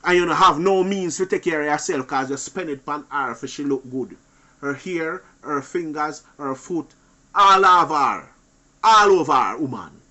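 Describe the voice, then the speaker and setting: A man holds forth like a street preacher, his voice bright and sitting a little high. He swings from loud, pressing outbursts down to low, muttered asides as he warns other men. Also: normal speed. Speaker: channel host.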